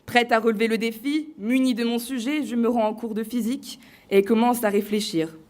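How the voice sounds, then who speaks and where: A woman on stage delivering a prepared competition speech to a live audience, theatrical and playful, with deliberate pauses. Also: on the high side, fairly even intonation, darkish tone. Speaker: eloquence contest finalist.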